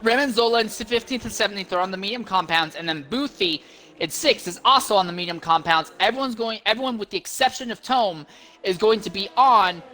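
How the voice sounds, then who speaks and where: A man works as a live motorsport commentator. His voice is bright and sharp, and he calls the race in detailed play-by-play. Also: high-pitched, fairly quick, low-quality recording.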